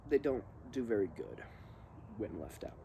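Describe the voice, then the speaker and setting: A man reading poems aloud and musing on them in halting short phrases while he smokes a cigar. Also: on the low side, big pitch swings, gravelly, dark tone. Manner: smoking a cigar while talking. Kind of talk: slow, musing poetry reading with casual asides. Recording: faint ambient background noise.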